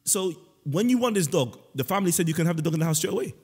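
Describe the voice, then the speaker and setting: Man, teasing podcast host, husky voice, long room echo. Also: a little high, racing. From Senegal. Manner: playful, teasing, animated storytelling. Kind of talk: casual comedic chat. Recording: roomy long reverb.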